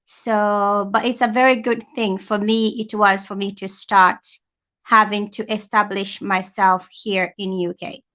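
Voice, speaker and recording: A woman from Tanzania talks as a guest in a casual interview, explaining things plainly and chattily. Her voice has a mid pitch and comes through slightly dull and muffled. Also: level tone, measured pace, pushed and bright. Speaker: guest, healthcare assistant.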